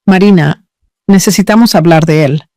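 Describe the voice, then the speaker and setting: A woman voicing a gentle, concerned middle-aged mother in a narrated story. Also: fairly low pitch, moderate pace, no room sound, clean studio sound, close to an everyday voice.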